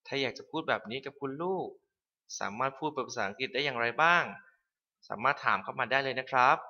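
A man narrating a scripted English lesson for parents, polite and clear, reading the English phrases slowly. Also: on the high side, sharp tone.

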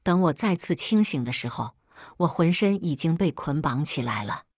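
A woman's voice: low voice, animated, moderate pace, no echo, clean studio sound. A woman reading a family drama aloud as a scripted first-person narration, telling it expressively. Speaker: storyteller.

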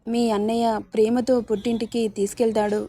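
Feisty young bride, read by a woman, slightly high, warm tone. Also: little pitch movement, a little fast, close to an everyday voice. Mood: playful. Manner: feisty, playful. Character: young woman, spirited, feisty new wife.

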